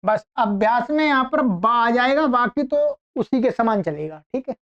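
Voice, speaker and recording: A woman teaching Sanskrit grammar, chanting verb forms in slow measured lists and speeding up to explain. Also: fairly high pitch, lively intonation, fairly bright tone, muffled recording. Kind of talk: recited grammar lesson.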